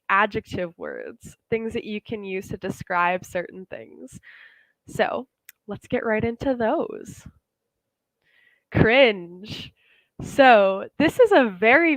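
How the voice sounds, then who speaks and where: A woman's voice: on the high side, no echo, low-quality recording. A young woman teaching slang in an online lesson, in a casual, chatty way full of fillers. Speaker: English teacher.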